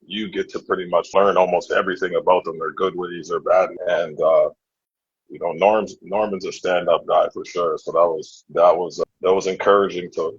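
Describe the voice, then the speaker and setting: A deep, very husky man from Nova Scotia talks through a candid interview, earnest and reflective, circling back over his words as he thinks. His voice comes through a dull, dry, lo-fi remote call. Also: dry recording. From Nova Scotia, Canada. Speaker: guest.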